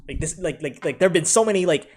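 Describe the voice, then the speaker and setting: A man with an American accent who grew up in the Philippines talks quickly and expressively in a fairly high voice. He ranks anime casually and rambles, filling his speech with fillers and self-corrections, and laughs often as he goes.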